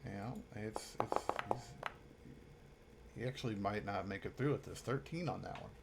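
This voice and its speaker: A man's voice: lowish voice, moderate pace, vocal fry, breathy edge. A man acting as game master, casually narrating a tabletop game in an easygoing way and often repeating his phrases.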